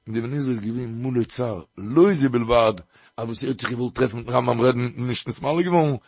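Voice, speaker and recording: A man giving a Torah lecture, telling a story in an animated way with frequent emphatic bursts. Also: medium pitch, brisk, slightly rough, no room sound. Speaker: Torah teacher.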